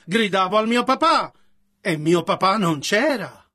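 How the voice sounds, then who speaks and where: A man preaching a sermon to his congregation, telling his story in a halting way with frequent repetitions. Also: high-pitched, animated, pushed and bright, breathy edge.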